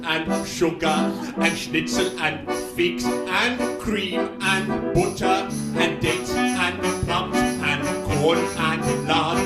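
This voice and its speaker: A man playing a fat, greedy male goose, singing slow cabaret patter on a theatre stage. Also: high-pitched, echoey room. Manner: sung patter, slow and drawn out. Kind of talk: cabaret song. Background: live guitar band.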